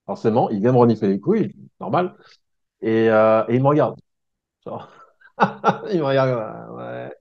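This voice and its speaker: A man's voice: medium pitch, expressive, unhurried, creaky, pauses often. A man telling a travel story casually, with many fillers and restarts, speaking straight to the viewer. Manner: chatty, many fillers and restarts, addresses listener as "tu vois". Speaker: travel vlogger. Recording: dull lo-fi sound.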